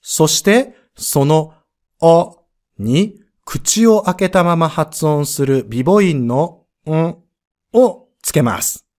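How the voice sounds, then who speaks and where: A man's voice: on the high side, animated, slow pace, darkish tone. A man teaching a pronunciation lesson on a podcast, explaining step by step and sounding out letters and vowels to demonstrate them.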